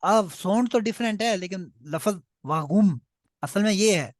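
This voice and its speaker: A man's voice: high voice, moderate pace, no room sound, studio quality. A man with a Punjabi accent teaching a language class, explaining step by step and often checking that students follow. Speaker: German teacher.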